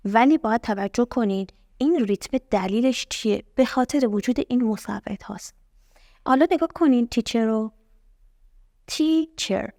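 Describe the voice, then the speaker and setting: A young woman with a fairly high voice teaches an English lesson. She is patient, asks her students questions, and says example words slowly so they can hear each syllable. Her voice is close and dry, with almost no room sound. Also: dark tone, no echo. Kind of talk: explaining a language lesson.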